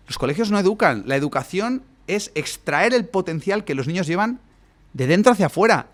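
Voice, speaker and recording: A man, a guest coach explaining his ideas at length in a podcast conversation, often closing points with rhetorical questions. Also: a little high. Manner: expansive, lecturing, frequent rhetorical tag questions.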